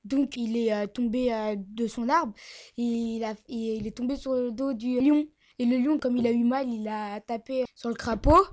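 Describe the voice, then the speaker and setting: A woman's voice: fairly high pitch, moderate pace. A woman telling a folk tale aloud, with frequent hesitations. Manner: lively, hesitant with fillers. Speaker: storyteller.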